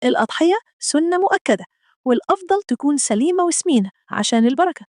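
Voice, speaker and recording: A woman's voice: sits high, lively intonation, fast, a little mellow, no room sound, studio quality, voice pushed up. A woman voicing a middle-aged Egyptian mother who scolds her husband and patiently explains things to her children, with an Egyptian accent. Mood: tender. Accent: Egyptian Arabic.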